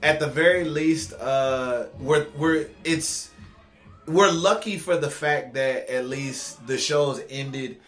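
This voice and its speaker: American male guest, a bit higher-pitched, loose slangy delivery, echoey room. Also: takes it slowly, soft background music. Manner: relaxed, slangy, animated. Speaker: guest, wrestler. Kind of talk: casual chat.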